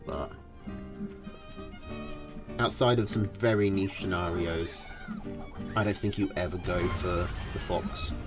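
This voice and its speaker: A man's voice: deep voice, fairly even intonation, slow pace, pauses often, over loud music. A man casting a live strategy game tournament, casual and analytical, thinking aloud with fillers. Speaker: tournament caster.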